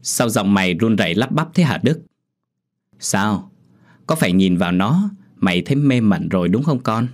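A man's voice: fairly low pitch, expressive, moderate pace. A man voicing a pushy older mother who scolds and nags her grown son, in an audio horror story. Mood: chiding. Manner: nagging, chiding.

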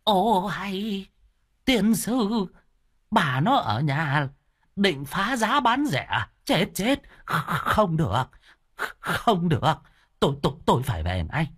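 A man voicing a flustered, deaf old village man over 80, speaking slowly in a quavering voice. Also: high voice, sing-song, a bit bright, slightly rough, voice pushed up, heavily acted. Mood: panicked. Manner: slow, quavering, confused.

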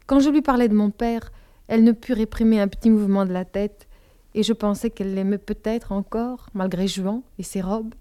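A woman narrating a literary novel in the first person, measured and intimate, dropping to a whisper in dialogue. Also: mid-range voice, mellow. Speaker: audiobook narrator.

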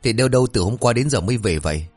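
A man voicing a worried older village father, pleading in quick words. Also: medium pitch, expressive, slightly rough, faint music behind, voice pushed up. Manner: pleading, fast-talking.

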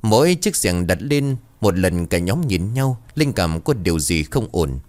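Male horror narrator, low and expressive, dramatic storytelling. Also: a little slow.

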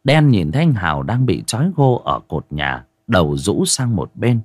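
Husky low-voiced male storyteller. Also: moderate pace, no room sound. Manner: dramatic, expressive storytelling. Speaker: narrator. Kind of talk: horror audio story narration. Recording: dry close recording with faint music.

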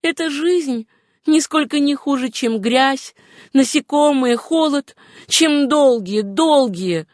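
A woman reading an audiobook voices a gentle, wistful young woman with a hard past, speaking softly. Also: high-pitched, no echo, clean studio sound, voice pushed up. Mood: bitter.

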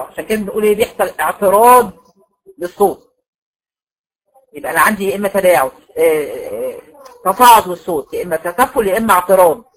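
A woman with an Egyptian accent teaching Quran recitation rules in an online lecture, explaining step by step, asking her students questions and drawing out example words slowly. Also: mid-range voice, rough recording. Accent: Egyptian Arabic.

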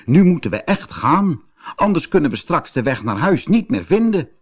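A man voicing a brave, bossy male water rat who looks after his friend, talking in a brisk, urging way. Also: on the high side, sing-song, voice pushed up.

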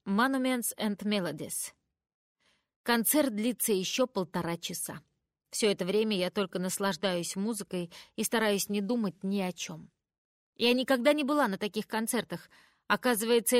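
A woman's voice: medium pitch, moderate pace, dry recording. Woman reading a teen story, dry sound. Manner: shifts into raised emotional voices for the dialogue. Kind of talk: first-person story reading with voiced dialogue.

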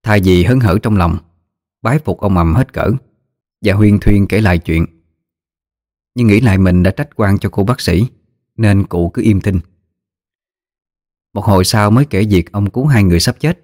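A man narrating a story in a steady, even audiobook style. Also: fairly low pitch, moderate pace, pauses often.

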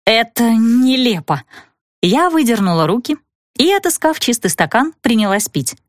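A woman narrating a novel in the first person, with measured, expressive storytelling. Her voice sits fairly high and moves lively up and down. The recording is dry and close, with no room echo. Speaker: audiobook narrator.

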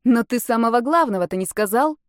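A woman reading a story, voicing a jealous, stubborn young woman in love with a raised, louder voice. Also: on the high side, animated, a little fast, no echo, clean studio sound, close to an everyday voice. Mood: indignant. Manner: teasing and stubborn.

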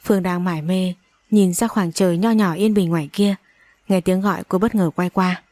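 At a moderate pace, a woman with a warm, lowish voice and fairly even intonation narrates a dramatic audiobook story. Every character gets strongly emotional acted dialogue from her, recorded with no echo.

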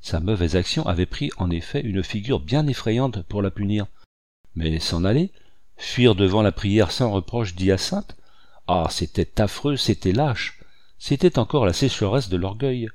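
Audiobook reader: man, low voice, measured and expressive, dry close recording. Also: dry recording. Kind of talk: reading a classic novel aloud.

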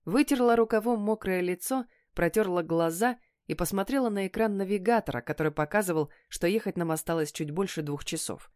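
A woman's voice: lowish voice, brisk, hardly any pauses, a little mellow, dry recording, studio quality. Woman reading an audiobook expressively. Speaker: audiobook narrator. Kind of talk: first-person audiobook narration.

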